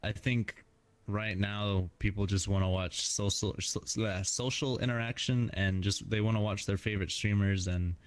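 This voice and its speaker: Very deep-voiced man chatting casually. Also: fairly even intonation, normal speed, clean tone, no room sound. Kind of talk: casual interview chat.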